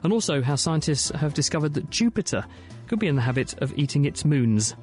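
A British man hosting a science radio show, presenting scripted material in a bright, curious, explanatory way. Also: fairly high pitch, big pitch swings, a little fast, faint music behind.

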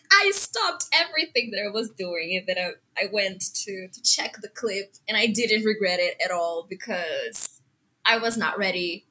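A woman co-hosting a podcast, chatting casually, excitable and laughing often. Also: mid-range voice, moderate pace. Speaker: podcast co-host. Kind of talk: casual chat.

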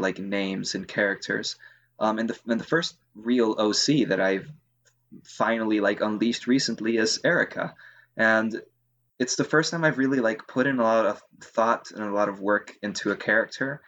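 Man, lowish voice, halting casual talk, lots of fillers, dull lo-fi recording. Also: gravelly, a bit bright. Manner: hesitant, many fillers and restarts. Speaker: co-host. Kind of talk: casual podcast chat.

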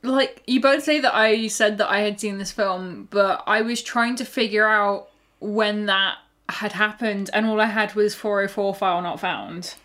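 A woman's voice: medium pitch, steady tone, measured pace, fairly bright tone. A woman co-hosting a podcast in casual chat, playful and joking with a slightly hesitant delivery. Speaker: podcast co-host. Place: her own house.

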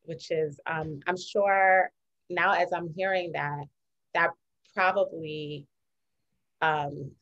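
A woman hosts a casual interview, winding through her questions with eager enthusiasm. Her voice is a little low. The recording sounds dull and lo-fi. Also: fairly even intonation, takes it slowly, pauses often, fairly bright tone.

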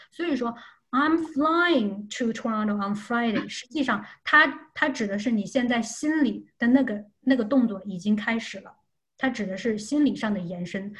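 A woman teaching an unscripted online language lesson, explaining step by step and often repeating and rephrasing herself. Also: medium pitch.

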